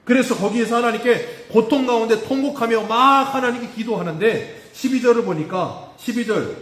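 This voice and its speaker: Male pastor, sermon delivery, high voice, echoey church, acts out quoted lines. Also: moderate pace. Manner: animated preaching, acting out quoted voices with rising pitch. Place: church sanctuary.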